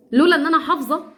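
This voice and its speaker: A woman with an Egyptian accent teaching English phonics in a chatty way, repeating example words slowly. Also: high-pitched. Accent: Egyptian Arabic. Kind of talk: phonics lesson.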